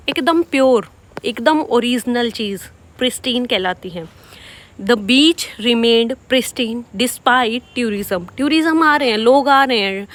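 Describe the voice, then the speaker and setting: A woman's voice: sits high, a bit bright. A young woman teaching English vocabulary for exams, explaining patiently and often checking with "right?". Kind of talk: exam-prep vocabulary lesson.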